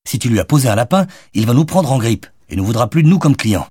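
A man reading an audiobook, voicing an exasperated, bossy father who scolds in a raised, brisk voice. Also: mid-range voice, very animated, mellow, slightly rough, no echo, studio quality, pitched above the performer's own voice.

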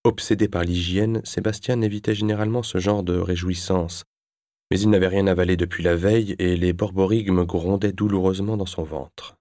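Male narrator, very low voice, measured storytelling, dry close studio sound. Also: steady tone, warm tone, no echo. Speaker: audiobook narrator. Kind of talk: scripted narration.

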